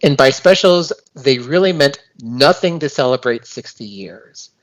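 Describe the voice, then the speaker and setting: A man's voice: mid-range voice, animated, measured pace, poor audio. A man co-hosting a casual podcast review, talking in a hesitant way with many fillers and restarts, and reading listener comments aloud. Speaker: podcast co-host.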